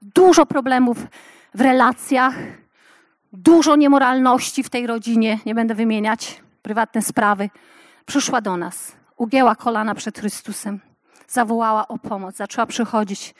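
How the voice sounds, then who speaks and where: A woman in her fifties preaching a passionate sermon to women, swinging from loud exclamations to hushed storytelling. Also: on the high side, no room sound.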